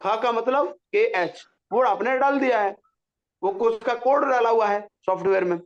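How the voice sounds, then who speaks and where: A man's voice: extremely high pitch, moderate pace, dull audio. A man teaching a pronunciation lesson, patiently drawing out syllables to demonstrate them. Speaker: Sanskrit teacher.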